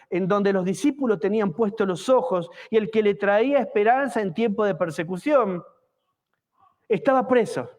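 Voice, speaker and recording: A pastor preaching a fervent evangelical sermon at a church service, asking the congregation many rhetorical questions. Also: male voice, high-pitched, darkish tone.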